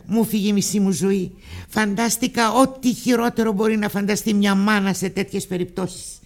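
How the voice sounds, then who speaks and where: High-pitched male narrator for a literary audiobook, emotional first-person delivery.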